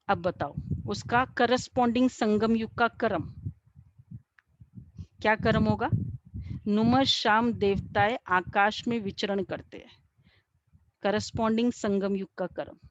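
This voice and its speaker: A woman teaches a spiritual class at an unhurried, deliberate pace, pausing often to put questions to her listeners. Her voice sits a bit higher than most and comes through dull and muffled, close and dry, with no room sound. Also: dry recording. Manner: explains patiently, asks the class questions. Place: meditation centre classroom.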